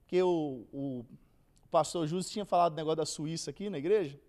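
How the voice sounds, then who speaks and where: A man's voice: a little high, a little fast, darkish tone. A man with a Brazilian accent teaching a casual church Bible lesson, acting out quoted speech in everyday slang. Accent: Brazilian Portuguese. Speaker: theology teacher.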